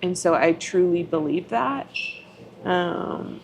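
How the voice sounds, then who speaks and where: A woman's voice: lowish voice, animated, slow, creaky, slight background noise. A woman on a podcast telling her story openly and emotionally, acting out past conversations and cursing now and then. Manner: frank, occasional swearing. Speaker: podcast guest. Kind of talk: candid personal storytelling.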